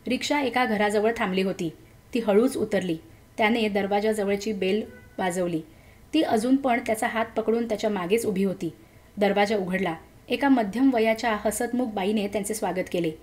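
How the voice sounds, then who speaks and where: A woman reading a story aloud as its narrator, in a gentle, emotive way. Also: mid-range voice.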